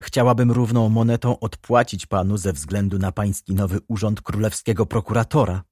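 A man reading the part of an ironic, haughty baroness in an audiobook, raised in pitch and teasing. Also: steady tone, normal speed, a little mellow, dry recording, clean studio sound, close to an everyday voice. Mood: mocking. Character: ironic aristocratic baroness, adult woman, haughty.

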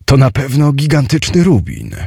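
A man voicing an eager male adventurer hunting treasure, talking in a bright, pleading, questioning way in an audiobook. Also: lowish voice, huge pitch swings, a little slow, vocal fry, husky, no room sound, clean studio sound, heavily acted. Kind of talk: audiobook character voice.

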